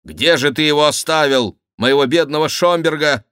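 A man playing a worried king who fires off urgent, questioning lines in a lively voice of middle pitch. The sound is dry and close to the mic. It sounds like a storybook reading. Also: normal speed, no echo. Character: worried middle-aged king, anxious and commanding.

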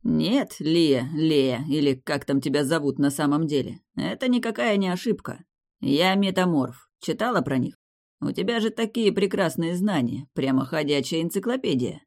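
A woman voicing a wry male academy rector who is a shapeshifter, speaking calmly and teasingly in an audiobook. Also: deep voice, normal speed, gravelly. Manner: calm, teasing, matter-of-fact. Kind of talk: audiobook character reading.

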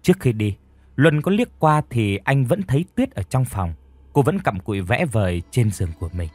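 Brief: male audiobook narrator, husky and expressive, dry close sound. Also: medium pitch, normal speed, dry recording, faint music behind. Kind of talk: dramatic story narration.

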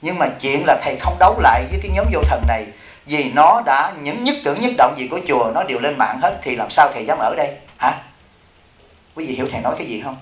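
Animated high-voiced monk in echoey hall. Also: male voice, quick pace, a little hiss or hum. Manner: animated storytelling, acting out quoted voices, asking the audience. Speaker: Buddhist monk and abbot. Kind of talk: dharma talk.

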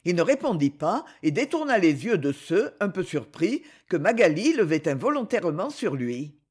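Woman audiobook narrator, measured, lively intonation. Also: fairly low pitch, breathy edge. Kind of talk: scripted narration of a classic novel.

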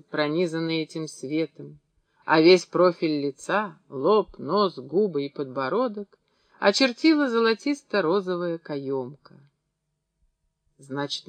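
A man narrating a novel as an audiobook, in a calm, even reading manner. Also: high-pitched, no room sound. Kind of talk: scripted narration.

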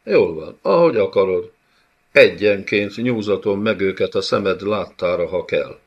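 Cruel, impatient bey shouting threats, voiced by a low-voiced male narrator; slightly lo-fi audio. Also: lively intonation, breathy edge, heavily acted. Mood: menacing, shouting.

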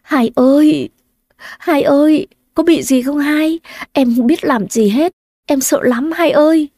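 A woman's voice: sits high, takes it slowly, mellow, no room sound, clean studio sound, voice pushed up. A woman voicing a ten-year-old girl who pleads with her big sister. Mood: scared. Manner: childlike, pleading. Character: young girl of ten, sweet and clingy.

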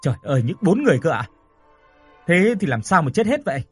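A man's voice: mid-range voice, animated, fairly quick, breathy edge, soft background music. A man voicing a curious young man who keeps asking anxious questions. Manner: eager, asks many questions.

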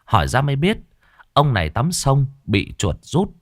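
Telling a ghost story, this man uses a dramatic and expressive delivery in a mid-range voice at normal speed. The recording is dry, with clean studio sound.

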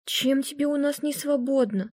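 A woman reading aloud puts on a bewildered middle-aged mother who pleads plaintively, close to tears. Her voice rises well above the reader's own and stays mellow. The sound is dry and close. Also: high-pitched, normal speed, no echo, pitched above the performer's own voice, natural voice. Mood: pleading. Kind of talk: audiobook reading.

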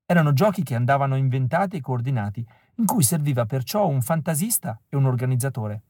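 A man narrates a literary audiobook in the first person. His telling is wry and expressive, often sinking into a flat, quiet tone. His voice sits at an ordinary middle pitch, and the recording is close and dry, with no room sound. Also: fast talker, dry recording. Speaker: audiobook reader.

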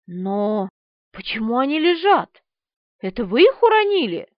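A woman voicing a bewildered young woman who speaks in a hushed, startled way in an audiobook. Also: fairly high pitch, sing-song, a little slow, no echo. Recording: dry, slightly dull studio recording.

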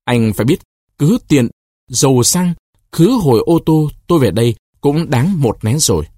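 A man's voice: medium pitch, lively intonation, moderate pace, dark tone, breathy edge, no room sound. A man voicing a stern, greedy male district magistrate who speaks in a cold, officious way, in a storybook reading. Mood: mocking.

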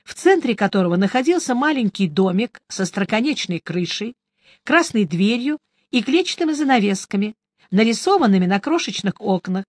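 An audiobook reader giving first-person scripted narration, in a lively, wry storytelling manner. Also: mid-range voice, moderate pace, dry recording, clean studio sound.

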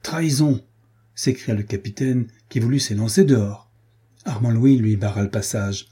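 A man narrating an adventure novel in a steady storytelling delivery. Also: fairly low pitch, normal speed, husky. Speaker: audiobook narrator. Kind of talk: audiobook narration.

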